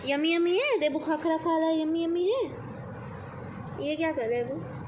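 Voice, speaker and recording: Woman, young adult, high voice, casual vlog narration, coaxing a child, handheld phone, noisy recording. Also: expressive, normal speed. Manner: chatty, coaxing a small child. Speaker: family vlogger. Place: outdoor parking area and supermarket at night. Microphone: handheld phone camera.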